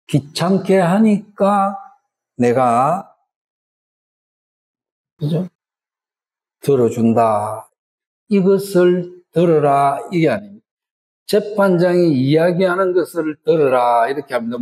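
A man's voice: medium pitch, a little mellow, low-quality recording. A man preaching a sermon as a pastor, with rising emphasis and frequent rhetorical tag questions.

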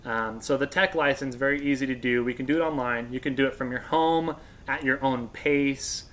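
The guest, an American man in his thirties who is a radio expert and instructor, has a medium-pitched, slightly bright voice and a moderate pace. He explains casually and conversationally from a couch inside a workshop room.

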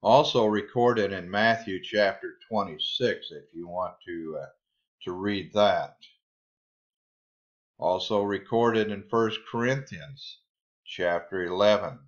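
A man giving a Bible study sermon, reading scripture aloud and then explaining it in a deliberate way. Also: low-pitched. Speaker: Bible teacher. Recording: slightly dull lo-fi recording.

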